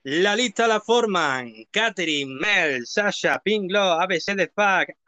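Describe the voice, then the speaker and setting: A man hosts a live show in a bright, forceful voice pitched a little high. He is playful and rattles through long lists of names, and the sound is close and dry. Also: animated, slow pace, no echo. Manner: playful, reads a long name list at speed. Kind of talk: casual live-stream chat.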